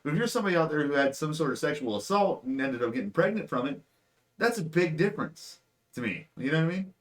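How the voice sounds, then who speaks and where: A man's voice: on the high side, expressive, fast. A man in his late twenties co-hosting a podcast, chatting casually and rambling with lots of fillers and swearing. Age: 20s. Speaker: podcast co-host. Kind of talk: casual chat.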